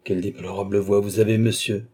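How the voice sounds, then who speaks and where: A man reading an audiobook, voicing a proud, tired count who speaks with calm, disdainful haughtiness. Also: medium pitch, normal speed, breathy edge, close to an everyday voice. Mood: impatient.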